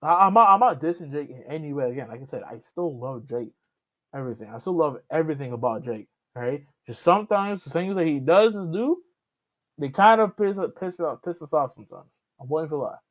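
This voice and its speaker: A man's voice: on the high side, animated, brisk. A man hosting a reaction video, rambling through casual commentary with many restarts. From Canada. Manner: rambling, repeats and restarts while he talks. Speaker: reaction channel host. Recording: dull lo-fi home recording.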